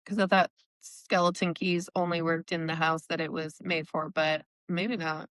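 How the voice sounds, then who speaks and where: Casual book-podcast co-host, a woman with a lowish, smooth voice. She recaps in a chatty style with lots of fillers, and the recording is dry and close. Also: little pitch movement, moderate pace, fairly bright tone, dry recording. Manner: chatty retelling, frequent "like" and "um". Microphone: remote call.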